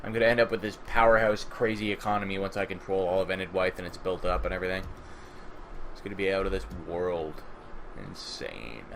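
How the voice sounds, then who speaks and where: A man's voice: sits low, fast talker, slight background noise. Sleepy man narrating a strategy game. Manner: relaxed, rambling, thinking aloud. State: sleepy, just woke up. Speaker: gaming channel host. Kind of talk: casual let's-play commentary.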